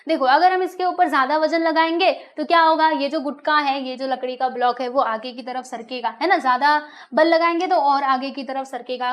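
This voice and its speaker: A woman with a high, light voice teaches a science lesson to schoolchildren. She keeps putting questions to the class and answering them herself, and she checks in often to make sure they follow. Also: a bit bright. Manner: addresses listeners as dear children.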